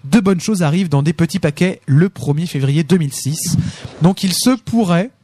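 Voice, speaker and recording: A man hosting a casual tech news show, with a fairly high voice and a mellow, dark tone. He reads news items and slips in joking asides. The sound is dry and close, with no room in it. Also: moderate pace, dry recording.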